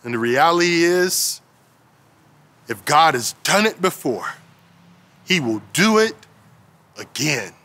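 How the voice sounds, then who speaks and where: A man in his thirties delivers a sermon from an indoor stage, speaking into a headset mic. His voice sits high and bright. He repeats key phrases for emphasis and sinks into quiet, low declarations. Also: animated, takes it slowly, pauses often. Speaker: pastor. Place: indoor stage with string lights.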